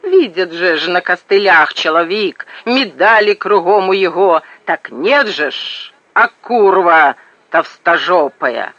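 A man narrating an audiobook in a lively, vivid storytelling manner. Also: sits high, slow pace, dry recording. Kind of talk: expressive audiobook reading. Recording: dull lo-fi audio.

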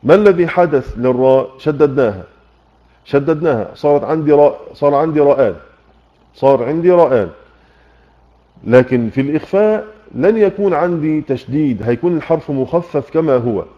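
A man's voice: on the high side, expressive, a little fast. A man with an Egyptian accent teaching Quran recitation rules in an online lesson, repeating key points and quizzing his listeners. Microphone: computer microphone in voice chat room. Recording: muffled online voice chat.

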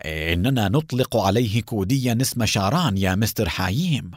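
A man voicing a nervous spy underling in a storybook reading, asking hurried, anxious questions. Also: fairly low pitch, expressive, slightly rough, no echo, clean studio sound.

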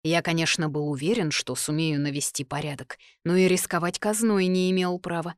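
Ceremonious male high judge in an audiobook, stately and formal, as a female narrator reads him, dry close sound. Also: fairly even intonation, a little fast, no room sound, close to an everyday voice. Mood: explaining.

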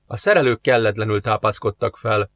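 A man's voice: lowish voice, a bit bright, no room sound. Man reading an audiobook in a dry voice. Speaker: audiobook narrator. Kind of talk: scripted narration.

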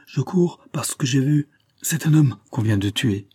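A man's voice: mid-range voice, animated, measured pace, darkish tone, slightly rough, no echo, clean studio sound, voice pushed up. A man voicing a tall, bearded, blond woodsman who speaks urgently and out of breath, in a read-aloud story.

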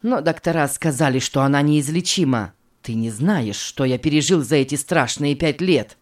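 A woman's voice: sits low, lively intonation, normal speed, a little mellow. A woman voicing an anguished married man begging his young lover to take him back, in a read-aloud story. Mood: desperate. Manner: pleading, wheedling.

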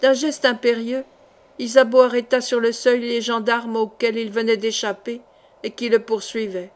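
A woman's voice: fairly high pitch, flat delivery, moderate pace. Woman reading a novel aloud. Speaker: audiobook reader. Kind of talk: scripted narration of a novel.

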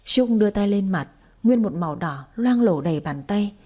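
A woman narrating a story aloud in a lively storytelling manner. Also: mid-range voice, moderate pace. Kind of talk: audiobook narration.

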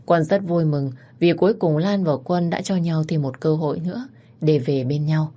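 A woman narrating a romance story as a storyteller, in a steady, even manner. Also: sits low, normal speed.

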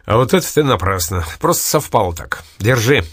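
A man reading aloud and voicing a gruff, short-tempered male gangster in an irritable manner. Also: lowish voice, very animated, a little fast, fairly bright tone, no echo, studio quality, exaggerated voice.

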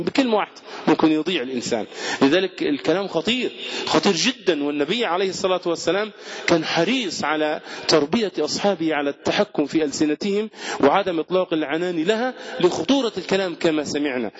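A man with an Egyptian Arabic accent giving a fervent Ramadan sermon as a sheikh, repeating words for emphasis. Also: on the high side. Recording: dull lo-fi recording.

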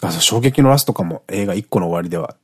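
A man's voice: low voice, lively intonation, fast, husky. A middle-aged man co-hosting a radio show, chatting casually, laughing often and rambling off into asides.

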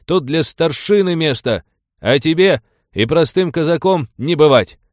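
A man's voice: fairly high pitch, lively intonation, moderate pace, no echo, studio quality, pitched above the performer's own voice, lightly acted. A man voicing a brash young noble bully. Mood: sneering. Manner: shouting insults, sneering. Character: arrogant young noble cossack, hot-tempered bully.

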